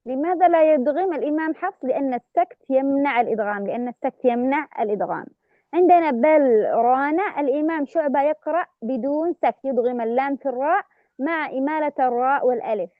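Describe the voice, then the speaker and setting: A woman with a high voice teaches recitation rules and recites verses slowly to show them. The sound is dry and close, with a dull, lo-fi tone. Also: no room sound. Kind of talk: tajweed lesson with recited examples.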